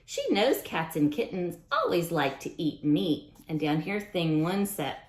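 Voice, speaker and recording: Reading aloud for small children, a woman uses a low, expressive, unhurried voice and a sing-song manner, regularly asking questions and repeating lines. The storytime is captured with a roomy, echoing sound.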